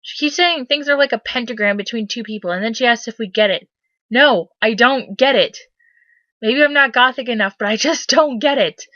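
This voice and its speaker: Hosting a dramatic reading of fan fiction, a woman mocks the read-aloud text with sarcastic, incredulous commentary. Her fairly high voice is sharp-toned and at normal speed, with no echo but the highs cut off.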